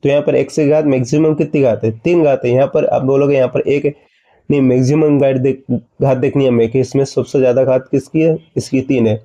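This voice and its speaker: Indian guy teaching maths, very dark mellow voice, kinda dull lo-fi sound. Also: medium pitch, steady tone, a little fast. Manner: explains step by step, asks the student questions and answers them. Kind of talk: classroom maths lesson.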